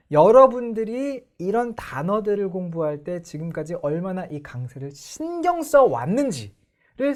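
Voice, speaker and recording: A woman's voice: on the low side, darkish tone. A young woman teaching English pronunciation in an online lecture, explaining and putting questions to the viewers.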